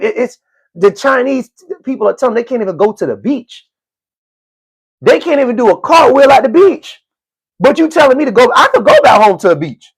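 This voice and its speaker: A man's voice: very high-pitched, breathy edge. A man hosting a live stream, ranting in profane, mocking commentary with stammered repeats. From United States.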